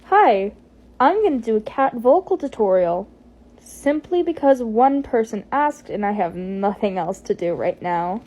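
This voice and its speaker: A woman's voice: fairly high pitch, expressive, measured pace, dark tone. A woman starting a casual spoken tutorial in an offhand, matter-of-fact way. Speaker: tutorial maker.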